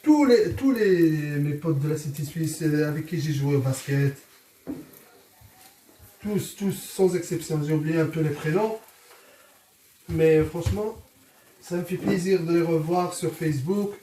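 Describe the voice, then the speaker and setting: High-voiced Moroccan-accented man, roomy kitchen sound. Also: measured pace, long pauses, mellow. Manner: chatty, jokey, addresses viewers as friends. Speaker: host, home cook presenting a recipe. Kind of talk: casual cooking vlog chat. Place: indoors in a home kitchen. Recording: roomy, distant mic, faint noise.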